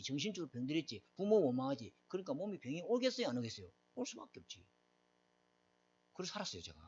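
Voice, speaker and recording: Emphatic man preaching, lively pitch. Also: slight background noise. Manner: emphatic, asks the congregation questions. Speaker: pastor. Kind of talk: sermon. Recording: dull lo-fi recording.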